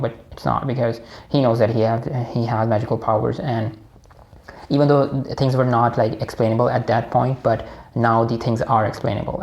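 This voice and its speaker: Rambling Pakistani man with flat delivery. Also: medium pitch, creaky, lo-fi sound. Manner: rambling, many fillers and restarts. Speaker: book discussion host. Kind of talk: casual personal book analysis.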